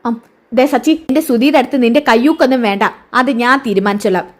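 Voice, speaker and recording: A woman's voice: fairly high pitch, quick pace, lightly acted. A woman voicing a scheming middle-aged mother who snaps back defensively while retelling a TV serial. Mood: indignant.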